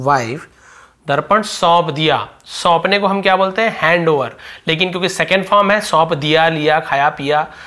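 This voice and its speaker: Slightly high-voiced man teaching English grammar. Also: bright, forceful tone. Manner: explains step by step, repeats, asks and answers his own questions; drawn-out slow dictation when writing English phrases. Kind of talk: Hindi-medium English grammar lesson.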